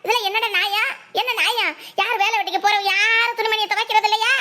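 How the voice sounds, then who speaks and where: High-voiced woman with a Tirunelveli accent. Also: steady tone, fast talker, pushed and bright. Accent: Tirunelveli Tamil. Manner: pleading and scolding by turns. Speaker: cartoon narrator and voice artist. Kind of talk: cartoon voice acting.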